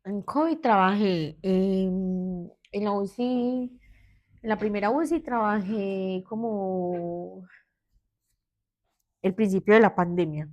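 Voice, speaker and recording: A woman's voice: mid-range voice, slow, a little mellow, lo-fi sound. A woman in her thirties with a Medellín Colombian accent, a therapist telling her own story in an interview, candid and hesitant, often restarting. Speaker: guest, therapist.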